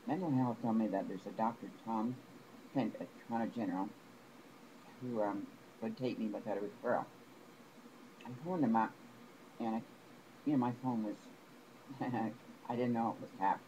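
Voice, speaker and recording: An aggrieved man pours out a rambling personal complaint in a lowish voice, stopping and restarting mid-thought. The recording carries a clear layer of background noise. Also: normal speed, pauses often, warm tone, lo-fi sound. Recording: noisy home recording.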